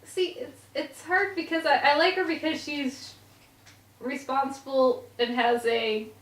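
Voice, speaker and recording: A woman's voice: high-pitched, steady tone, unhurried. A woman chatting casually on a podcast, hesitant and often restarting her sentences. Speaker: podcast co-host. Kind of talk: casual chat. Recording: roomy, distant from mic, faint noise.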